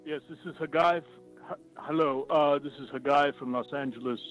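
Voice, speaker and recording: A man calling in over a phone line to a radio talk show, speaking in a halting, hesitant way. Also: a little high, fairly even intonation, faint music behind. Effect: heard over a phone line. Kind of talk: prank call to a talk show.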